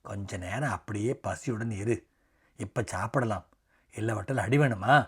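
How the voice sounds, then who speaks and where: A man's voice: lowish voice, normal speed, slightly rough. A man voicing a household woman who cares for a small boy and scolds him. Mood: scolding.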